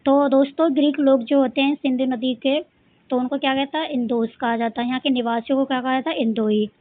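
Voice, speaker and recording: A woman's voice: high voice, steady tone, brisk, dry recording. A woman with a Rajasthani accent teaching an exam-prep lesson. She asks questions and answers them herself, repeating key points. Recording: dry, phone-like audio.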